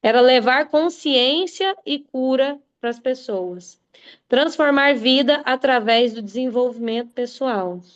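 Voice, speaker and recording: A woman delivers a motivational talk with a fairly high voice, pressing each point with emphatic, preacherly conviction. She speaks straight to her listeners. The recording is dull and muffled. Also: slow pace, clean tone. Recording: muffled lo-fi sound.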